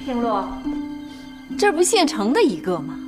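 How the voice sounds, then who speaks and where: A woman's voice: a little high, huge pitch swings, moderate pace, over loud music. A middle-aged actress playing a shrewd, motherly official's wife who talks soothingly and schemes in a TV drama. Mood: scheming. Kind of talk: TV drama acting.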